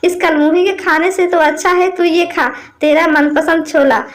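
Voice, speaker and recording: A woman voicing a sharp-tongued, scolding mother-in-law in a storybook tale, full of taunts and name-calling. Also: very high-pitched, fairly even intonation, normal speed. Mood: scornful.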